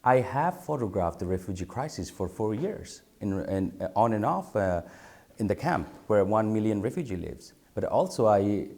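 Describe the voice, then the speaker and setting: Reflecting in an interview, this photographer from Bangladesh has a lowish, darkish voice with a sing-song lilt at a moderate pace. He frequently pauses to repeat words while hunting for what to say.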